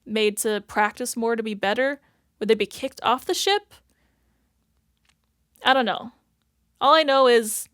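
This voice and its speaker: A woman's voice: fairly high pitch, dry recording. A woman chatting through a reaction video in a loose, rambling way, stopping often to hunt for the right word. Her speech is full of "like" and "if that makes sense." The sound is close and dry, with almost no room around it. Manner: thinks aloud, searching for words. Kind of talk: casual reaction commentary.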